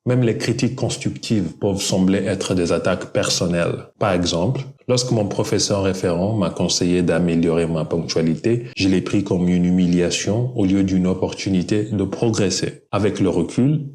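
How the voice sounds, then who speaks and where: A young Kenyan video creator whose first language is Luo speaks French with a Kenyan accent. His voice is low, and he delivers a scripted monologue in a calm, measured, earnest way.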